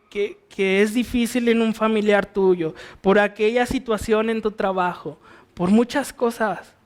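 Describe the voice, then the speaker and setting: Mexican pastor guy, kinda high voice, teaching verse by verse, chatty, keeps asking the crowd "right?". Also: clean tone. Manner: conversational, asks listeners rhetorical questions.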